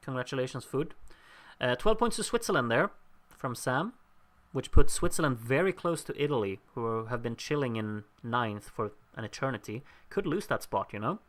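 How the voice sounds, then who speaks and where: This livestream host casually comments on voting results and reads out viewer names with wry jokes, his voice a bit worn as he loses it. He has a medium pitch, lively intonation, a moderate pace and a somewhat bright sound.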